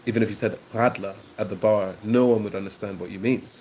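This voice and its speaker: A man hosting a live stream, chatting casually with viewers in a relaxed way, with frequent ums and soft laughs. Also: lowish voice, fast talker, a little hiss or hum. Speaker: host of a live watchalong stream.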